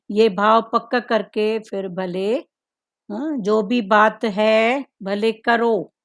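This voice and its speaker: A woman giving a devotional talk to a group as a spiritual teacher, musing slowly with frequent "hmm" fillers. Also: on the high side.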